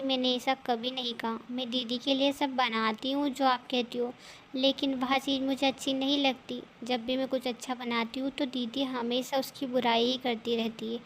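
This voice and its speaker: Woman voicing a weary young wife, gentle, pleading, fairly high voice, cartoon story. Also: a little hiss or hum.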